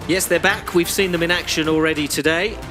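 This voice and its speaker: A man commentating live on a sailing race, steady and informative, with frequent "uh" fillers. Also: on the high side, a little fast, over music.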